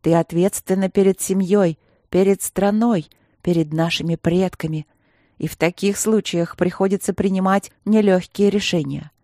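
A woman voicing a cold, contemptuous younger sister who speaks heavily and measured. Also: fairly low pitch, steady tone, mellow, no room sound, studio quality, natural voice.

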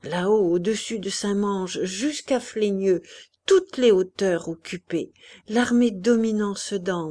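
A woman voicing an old, feverish, wounded colonel who speaks in a halting, trembling way. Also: mid-range voice, dark tone. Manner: broken, halting, trembling speech.

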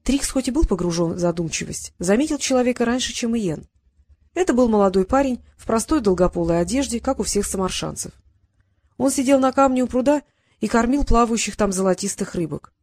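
Woman narrating an audiobook calmly. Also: fairly high pitch, brisk. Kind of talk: scripted narration.

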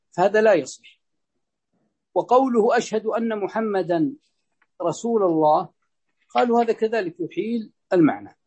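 A man teaching a religious lesson, explaining a legal text in a measured way and saying sample pronunciations aloud. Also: high voice, a little mellow, husky.

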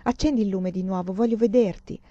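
A woman's voice: medium pitch, brisk, mellow, no echo, close to an everyday voice. A woman voicing a shy, anxious young woman who speaks hesitantly, in a slightly muffled recording. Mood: uneasy.

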